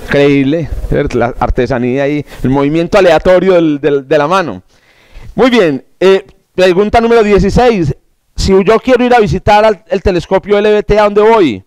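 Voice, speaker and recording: A man's voice: high-pitched, moderate pace, a little mellow, clean tone, dry recording. A man teaching an astronomy course, running through quiz questions in a classroom with jokes, asides and stammered restarts. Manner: joking, digressive, with stammered restarts.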